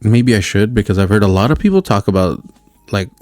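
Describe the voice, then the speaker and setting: Low-voiced man in casual game chat. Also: expressive, fairly quick, darkish tone, no echo. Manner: rambling, many fillers and restarts. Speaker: podcast co-host. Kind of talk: casual chat about video games.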